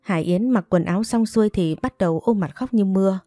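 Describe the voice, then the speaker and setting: A woman narrating a story in a steady storytelling way. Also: medium pitch, brisk, no room sound, clean studio sound, soft background music.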